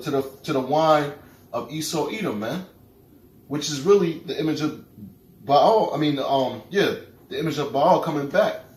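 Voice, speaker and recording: A man in casual religious talk, rambling, repeating himself and tagging lines with "man". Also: a little high. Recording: roomy, distant mic with faint noise.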